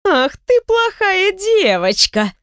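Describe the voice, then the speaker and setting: A woman's voice: sits high, normal speed, no room sound, clean studio sound, pitched above the performer's own voice. A woman voicing a chatty, nosy pregnant young friend who teases and pushes. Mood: teasing, excited. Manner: teasing, excitable, pushy. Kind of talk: audiobook character reading.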